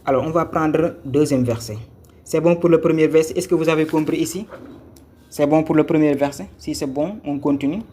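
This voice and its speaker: A man's voice: fairly high pitch, brisk, warm tone, husky. A man teaching a live-streamed lesson on Quran reading, patient, repeating each step and checking if viewers follow. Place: Senegal.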